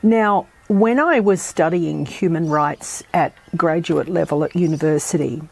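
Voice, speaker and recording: Croaky, slow-spoken woman podcast host. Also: low voice, darkish tone. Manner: measured, thoughtful, with pauses and restarts. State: croaky, recovering from a virus. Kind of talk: reflective solo podcast talk.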